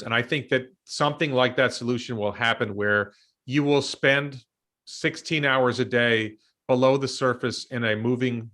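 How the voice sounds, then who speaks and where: A man's voice: mid-range voice, sharp tone. An American man in his fifties, hosting a casual discussion and thinking aloud with many ums and restarts. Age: 50s. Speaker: show host and investor.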